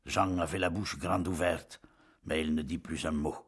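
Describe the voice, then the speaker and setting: A man voicing a tall, stooped, sickly Corsican villager who drawls his words in a flat monotone. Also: extremely low pitch, moderate pace, husky, full character voice. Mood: flat, matter-of-fact.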